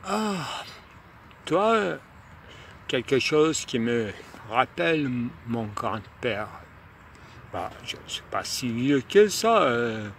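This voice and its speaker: Slow, hesitant man over loud traffic. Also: mid-range voice, sing-song, vocal fry. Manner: hesitant, full of pauses and fillers. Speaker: lecturer. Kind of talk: rambling musing monologue. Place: outdoors near traffic, by a tunnel. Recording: loud traffic noise behind.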